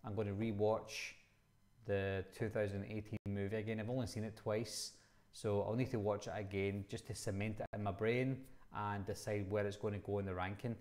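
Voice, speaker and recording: Speaking at a moderate pace with fairly low pitch and little movement in it, a Scottish livestream host from Glasgow sounds a little mellow. He's in his thirties and keeps things conversational, voicing each question from the chat before replying.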